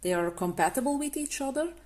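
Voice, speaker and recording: A woman's voice: high voice, expressive, fast talker, darkish tone. A woman who is not a native English speaker, casually reviewing art markers and stopping often to restart her sentences. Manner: hesitant, many restarts and fillers. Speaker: coloring channel host.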